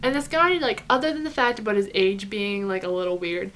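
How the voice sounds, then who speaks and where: A woman's voice: mid-range voice, brisk, a little hiss or hum. Young woman vlogger rambling through a story, lots of "like", swears a bunch, mid voice. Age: young adult. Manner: animated, chatty, swears freely, lots of "like". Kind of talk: casual storytime.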